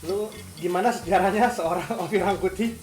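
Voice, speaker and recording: A man's voice: sits high, fairly quick, a little mellow, faint music behind. A young man with a Jakarta Indonesian accent hosts a food vlog, chatting casually in slang with teasing banter. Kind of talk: casual chat.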